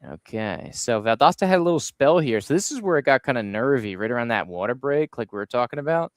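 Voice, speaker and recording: A man hosts a casual soccer recap, narrating each goal clip with upbeat play-by-play energy. His voice is smooth and clear. The recording is dry and close, with no room sound. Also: medium pitch, expressive, fast talker, no echo. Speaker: podcast host. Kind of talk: casual sports recap chat.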